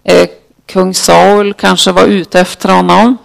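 A preacher with a gravelly, creaky voice gives a devotional talk. The delivery is unhurried and halting with fillers, and the scripture is read slowly and solemnly. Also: medium pitch, flat delivery.

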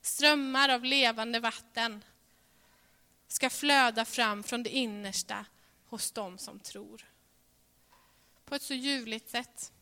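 A woman preaching a sermon in a church, earnest, moving between ringing emphasis and hushed softness. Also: on the high side, fairly even intonation, long pauses. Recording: reverberant hall sound.

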